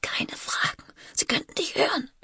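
A woman voicing a panicked teenage girl who urges her little sister in hushed, urgent whispers, as whispered role-play. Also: normal speed, no echo, studio quality, natural voice.

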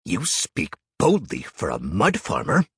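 A man's voice: very animated, a little slow, a bit bright, slightly rough, exaggerated voice. A man voicing a pompous, haughty middle-aged male clan arbiter who proclaims and threatens from above. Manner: haughty, booming.

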